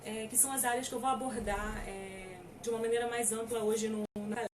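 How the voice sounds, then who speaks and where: A woman's voice: on the high side, steady tone, brisk, recorded from a distance, very noisy. A middle-aged Brazilian woman lawyer giving an informal talk, hesitant with many fillers and emphatic on key points. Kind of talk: informal lecture.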